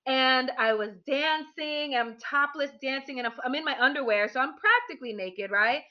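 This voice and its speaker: Woman, higher voice, candid animated storyteller, dull lo-fi recording. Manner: candid, animated, frequent restarts and fillers. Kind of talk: personal storytelling to an audience.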